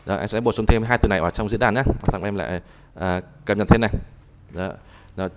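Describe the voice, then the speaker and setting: A man teaching a live online language class, talking haltingly and repeating words as he types and explains. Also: lowish voice, noisy background. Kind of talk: live online tutoring session.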